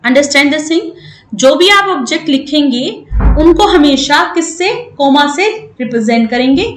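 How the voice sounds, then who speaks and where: A woman's voice: high-pitched, animated, a little slow, reverberant, slight background noise. A woman with an Indian accent teaching maths step by step, switching between English and Hindi and often checking in with "right?". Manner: explains step by step, checks in with 'right?'. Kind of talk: classroom lesson mixing English and Hindi.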